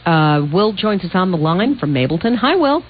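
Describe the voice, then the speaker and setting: A woman's voice: fairly low pitch, big pitch swings, moderate pace, lo-fi sound, background noise. A woman hosting a radio call-in show, giving direct, explanatory advice in a conversational way. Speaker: radio call-in host, financial adviser.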